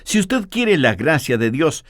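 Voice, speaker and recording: A man preaching a sermon, telling a story in an earnest, expressive way. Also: on the high side, measured pace, dry recording, clean studio sound.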